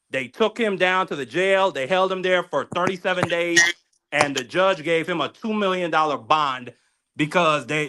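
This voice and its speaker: A man hosting a casual political commentary show, talking in an animated, profane way with many fillers and restarts. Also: fairly high pitch. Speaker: host.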